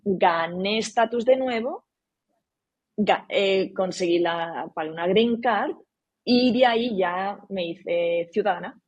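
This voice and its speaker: A Spanish woman, appearing as a podcast guest, speaks slowly in a mid-range, darkish voice on dull-sounding audio. In this casual interview she keeps restarting and repeating words for emphasis.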